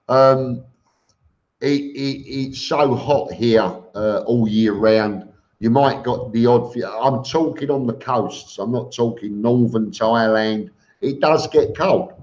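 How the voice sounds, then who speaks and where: A man's voice: medium pitch, darkish tone. A man hosting a casual live stream, reading out comments and answering them in an informal, blunt, matey way. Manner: informal and blunt, calls listeners mate. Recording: dull lo-fi live stream audio.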